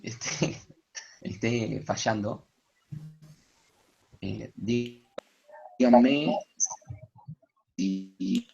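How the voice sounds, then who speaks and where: A man's voice: medium pitch, vocal fry, darkish tone, breathy edge, lo-fi sound. A young man, a law student on an online panel, speaks hesitantly and checks whether he can be heard while his video call audio keeps breaking up. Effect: choppy video call audio cutting out.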